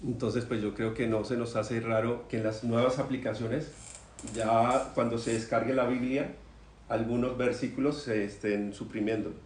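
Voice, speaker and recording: A man's voice: medium pitch, steady tone, moderate pace, darkish tone, a little hiss or hum. A man earnestly sharing news in a church Bible study discussion, often stumbling and repeating words. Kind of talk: group discussion. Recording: roomy recording.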